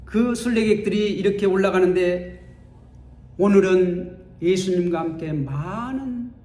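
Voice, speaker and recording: A male pastor preaches in a high-pitched voice, taking his time and letting each phrase land. He tells the story dramatically, acting out its scenes. His voice rings around an echoey church sanctuary. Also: measured pace, dark tone. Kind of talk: sermon.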